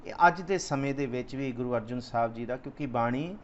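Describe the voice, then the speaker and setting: Man reciting and explaining scripture verses. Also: mid-range voice. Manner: slow sung recitation of verses between plain explanation. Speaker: Sikh scripture teacher. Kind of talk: katha sermon, chanting verses slowly then explaining. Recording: slightly dull lo-fi sound.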